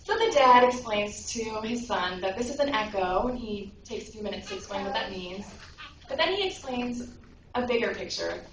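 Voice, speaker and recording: A woman's voice: mid-range voice, moderate pace. A woman school guidance counselor giving a speech at a school awards breakfast, telling a story and acting out its voices. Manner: warm storytelling, acts out quoted voices. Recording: echoey room from far off, noise.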